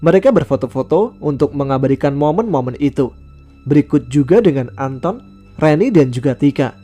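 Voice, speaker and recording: A man reading a mountain ghost story aloud in a steady, even manner. His voice is mellow and dark, and faint music plays beneath the narration. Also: on the high side, fairly quick.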